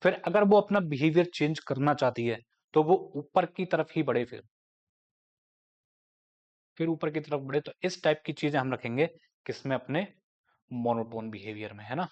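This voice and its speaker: A man giving a math lecture, explaining step by step and slowing down to dictate definitions. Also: a little high, animated, a little mellow, muffled recording. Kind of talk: classroom lecture.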